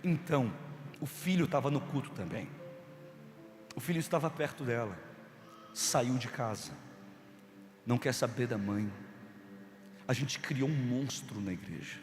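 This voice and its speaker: A man with a Brazilian Portuguese accent, a bishop preaching a sermon, telling stories with sudden swings from hushed to loud. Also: medium pitch, expressive, measured pace, long pauses, big-room sound, soft background music. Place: large church.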